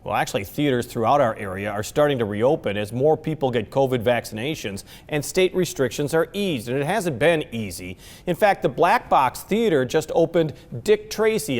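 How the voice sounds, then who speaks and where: A man hosting a local TV interview show, talking in a conversational, folksy way and quick to jump in. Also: on the high side, darkish tone, in a large hall. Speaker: TV talk show host.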